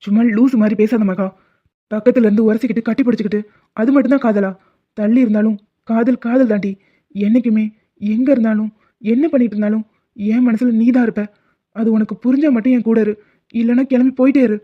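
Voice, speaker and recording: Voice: medium pitch, fairly even intonation, brisk, long pauses, close to an everyday voice. A voice actor playing a young, hot-tempered but caring boyfriend in a cartoon love story, first scolding and then explaining things earnestly. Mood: angry. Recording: tinny phone-like cartoon audio.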